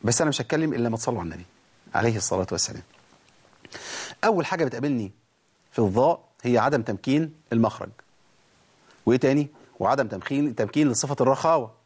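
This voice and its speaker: A man's voice: medium pitch, animated, very fast, long pauses, a little mellow, slightly rough. A man with an Egyptian accent teaching a tajweed lesson, asking and answering his own questions and demonstrating letter sounds. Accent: Egyptian Arabic. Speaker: Quran recitation teacher.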